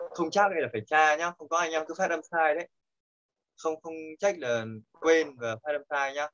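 A man's voice: a little high, fairly bright tone. Man teaching online. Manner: patient, corrective, repeats key points. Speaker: English pronunciation teacher. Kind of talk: online class instruction. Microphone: video call. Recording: dull lo-fi call audio.

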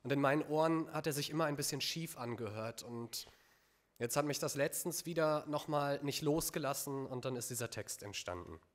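A man on stage performing a spoken-word slam poem, dramatic, swinging between hushed lines and loud bursts. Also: medium pitch, moderate pace.

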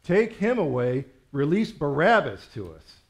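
A man reading aloud, voicing an angry crowd that shouts its demands in loud chants. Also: medium pitch, big pitch swings, a little slow.

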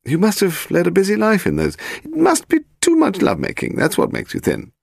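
A man reading an audiobook voicing a frail, sharp-tongued aristocratic woman in her eighties with a high, imperious voice. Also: huge pitch swings, a little fast, creaky, husky, dry recording, studio quality, heavily acted. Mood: grand. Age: 80s.

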